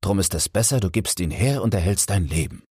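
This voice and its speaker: A man's voice: low voice, lively intonation, fairly quick, darkish tone, breathy edge, no room sound, clean studio sound, pitched above the performer's own voice, heavily acted. A man voicing a carefree journeyman smith who teases his fearful companion in a fairy-tale audiobook. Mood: teasing, easygoing. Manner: teasing, easygoing.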